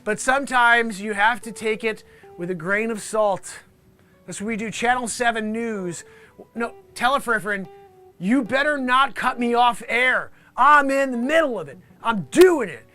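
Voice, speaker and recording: A man's voice: very high-pitched, unhurried, bright, forceful tone, faint music behind. A man improvising a mock live weather report as a flustered, aggrieved TV reporter, rambling and complaining in exasperation. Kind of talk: improvised mock news report, ranting monologue.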